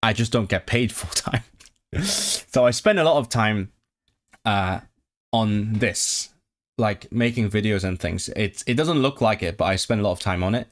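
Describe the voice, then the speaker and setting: This young man's voice sits on the low side, with lively intonation and a moderate pace. Live on stream, he chats casually about his tutoring job, thinking aloud with frequent fillers, hesitations, and restarts.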